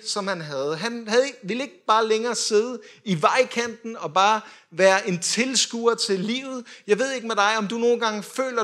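A young man preaching a sermon in a lively way, swinging from loud calls to quiet drops. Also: high voice.

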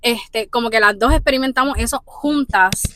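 A woman hosting a casual podcast chat, telling stories in an excitable, lively way. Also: a little high, normal speed, background noise. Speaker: podcast host.

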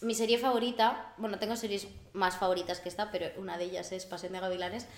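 A woman from Spain co-hosting a podcast, talking fast and chatty with restarts. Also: mid-range voice, fairly even intonation, echoey room, a loud crowd. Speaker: podcast co-host. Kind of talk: casual chat.

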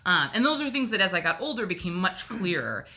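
A woman from Hawaii chats on a podcast. Her voice sits a little low but sounds bright and forceful. She tells personal stories in a wry, digressive way, full of asides. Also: big pitch swings, a little fast, creaky. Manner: chatty, wry storytelling with asides. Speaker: podcast guest. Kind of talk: casual podcast chat.

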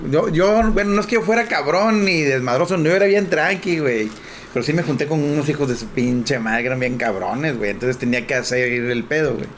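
A middle-aged man tells loose, profane stories in casual conversation. His voice sits a touch high for a man. Steady background noise runs under the talk. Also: brisk. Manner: laughing, profane anecdotes. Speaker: podcast co-host. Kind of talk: casual chat, storytelling.

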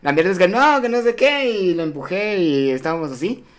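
Crude, animated young storyteller man. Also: high-pitched, brisk. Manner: crude, animated, acts out quoted voices. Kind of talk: casual storytelling chat.

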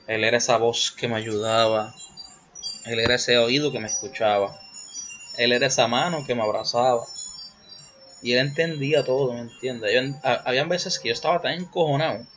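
A young Puerto Rican man talks on his own in a loose, rambling way, crude jokes and stray English words mixed into his speech. His voice sits at an ordinary middle pitch, and the recording is a little dull and muffled with a faint hiss underneath. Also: fairly bright tone. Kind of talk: casual solo monologue.

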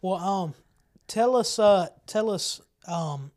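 A man's voice: high voice, slow, darkish tone. A man hosting a casual church talk show, asking rambling questions and affirming with amens. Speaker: host. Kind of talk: casual interview.

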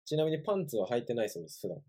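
A young man co-hosts a laid-back podcast in an easy, blunt, teasing way. His pitch moves animatedly even as he stays relaxed. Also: very fast. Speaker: podcast co-host. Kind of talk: casual chat.

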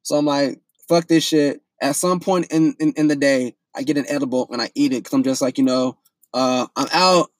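A young man telling a story in a casual, profane, animated way, full of restarts. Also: mid-range voice, normal speed, dry recording.

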